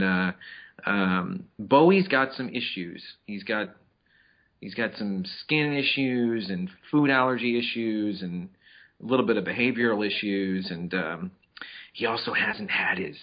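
A middle-aged man chats casually on a podcast, playful and talkative. He slips into little voices to act out his pets. The sound is slightly dull and lo-fi. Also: lowish voice. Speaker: podcast co-host. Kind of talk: casual chat.

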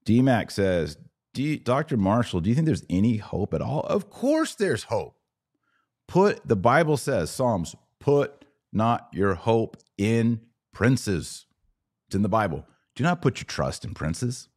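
Here the commentator's voice is on the low side and a little mellow, very animated but slow. He is an American podcast host covering religion and politics live, preaching emphatically in a conversational way.

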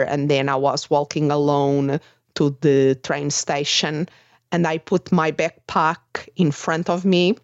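A Portuguese woman with a Portuguese accent hosts a casual podcast conversation, speaking hesitantly with lots of fillers and restarts. Her voice is low-pitched, and the recording is muffled but free of room sound.

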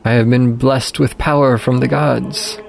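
A man voicing a gruff elderly male dwarf high priest in a tabletop game, speaking in a formal, solemn, measured way. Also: fairly even intonation, soft background music. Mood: solemn, reserved.

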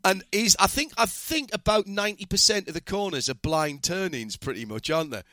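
A man's voice: high voice, animated, brisk, sharp tone, no echo, studio quality. A man hosting a motorsport interview, chatty and asking long, rambling questions. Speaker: podcast host, interviewer. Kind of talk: conversational interview.

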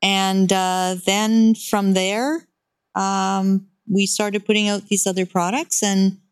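A woman's voice: medium pitch, level tone, slow, clean tone, dry recording. A chatty woman guest who tells stories with lots of fillers and frequent laughs. Her voice sits in a middling range. The recording is dry and close, with no room sound. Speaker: guest, birch syrup producer. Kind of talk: casual interview talk.

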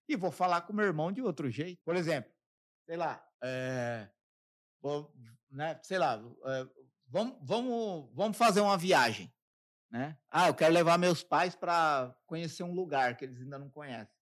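A man's voice: on the high side, expressive, moderate pace. A man with a Brazilian accent, co-hosting a podcast and explaining ideas with acted-out everyday examples in casual talk. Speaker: podcast co-host.

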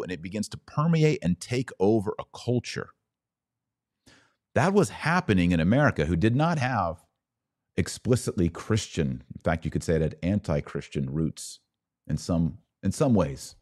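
A deep-voiced, slightly mellow man hosts a religious podcast, exhorting his audience earnestly like a preacher and repeating himself deliberately.

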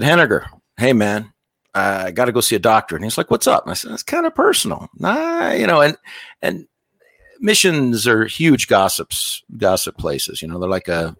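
A man's voice: medium pitch, vocal fry, a bit bright, dry recording. A middle-aged man telling a long comic story on stage, acting out the other people's lines. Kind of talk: stand-up storytelling.

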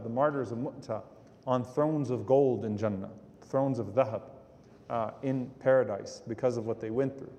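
A man's voice: medium pitch, darkish tone, in a large hall. A man giving a religious lecture, telling stories and quoting Arabic texts, then explaining them in English. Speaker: Islamic lecturer. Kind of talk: sermon storytelling.

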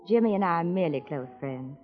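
An actress playing a poised, patronizing nightclub singer who talks in an airy, smoothly dismissive way, in 1940s radio acting style. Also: female voice, lowish voice, lively intonation, fast, natural voice. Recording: dull old radio recording with music.

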